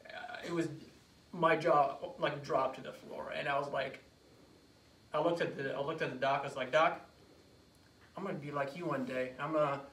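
With a fairly high, steady, slightly bright voice, a young Iraqi chiropractor in his late 20s recounts a personal story as he's introduced in an informal interview. His speech is hesitant, with repeated words and phrases. He's filmed on a phone camera a few feet away in a small office, and the recording is echoey and distant, with a little background noise.

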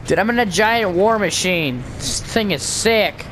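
Gamer man in online group voice chat, headset mic, easygoing crude banter, lightish pitch, noisy background. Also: measured pace, fairly bright tone. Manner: laid-back, crude banter. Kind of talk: casual chat.

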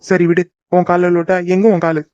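A man's voice: high voice, completely flat delivery, fairly quick, mellow, no echo, muffled recording, lightly acted. A young man voicing a teasing, devoted boyfriend in a cartoon, coaxing and joking. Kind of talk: cartoon voice acting.

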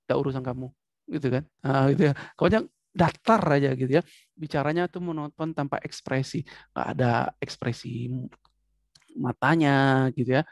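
A man teaching a psychology class to students, lively, acting out short examples as he explains. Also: fairly high pitch, no room sound, clean studio sound. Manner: animated, acts out short examples. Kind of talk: classroom lecture.

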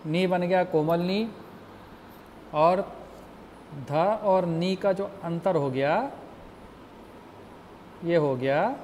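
A man teaching music theory in a slow, patient lecture, explaining step by step and asking the class questions. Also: sits high, a little mellow, slight background noise.

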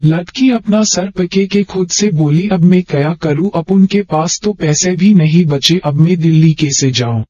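A man reading a story aloud as an audiobook narrator in a steady storytelling manner, on a dull lo-fi recording. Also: sits high, a little slow, few pauses, dry recording.

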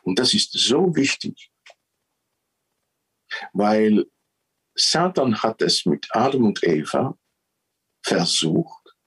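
A man preaching a sermon, telling the story in an animated way and often repeating his words. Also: on the low side, slow pace, long pauses, husky, poor audio.

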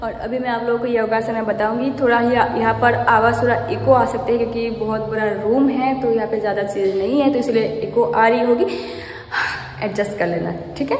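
A woman's voice: a little high, a little mellow, slight background noise. A young woman chatting to her viewers in a casual vlog, recorded in a large, bare room with an echo. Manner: chatty, keeps saying "guys" to the camera. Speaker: vlogger.

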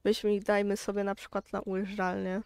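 A gaming YouTuber, a young woman with a Polish accent, chats casually and with exasperation to her viewers about her gameplay. Her medium-pitched voice is smooth and monotone with vocal fry, a little fast, and there's no room sound.

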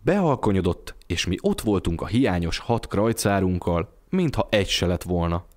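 Lively storytelling man, low voice. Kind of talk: scripted storybook narration.

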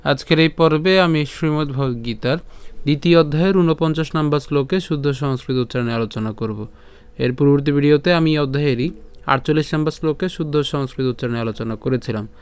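A man with a Bengali accent teaching scripture pronunciation, breaking verses into syllables, asking rhetorical questions and chanting lines slowly. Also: medium pitch, darkish tone, clear, resonant tone, dry recording. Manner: patient, repeats syllables and asks rhetorical questions.

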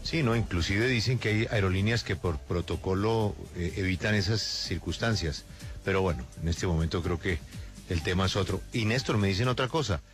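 A man's voice: sits low, normal speed, faint music behind. A man hosting a live radio news discussion, putting questions to colleagues.

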